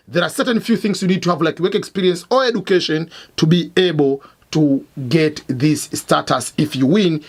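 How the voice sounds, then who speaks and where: A middle-aged man from Tanzania, host of an explainer channel, teaching emphatically and repeating key points. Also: high-pitched. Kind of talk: explainer lesson. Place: Missouri, United States.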